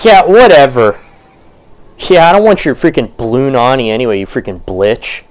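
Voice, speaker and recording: A young man giving crude, comedic commentary while playing a video game, bursting into shouts and yelps. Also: medium pitch, expressive, normal speed, rough recording. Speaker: let's play gamer.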